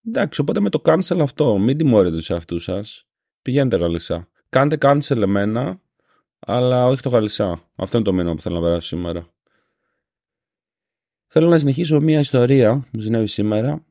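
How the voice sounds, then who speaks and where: A man's voice: medium pitch, big pitch swings, creaky, dark tone, dry recording, studio quality. A man from Greece with a Syros island accent, hosting a casual monologue podcast, a little ill and grumbling, telling a story sarcastically. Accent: Syros island Greek. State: slightly ill. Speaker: podcast host. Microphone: home podcast microphone.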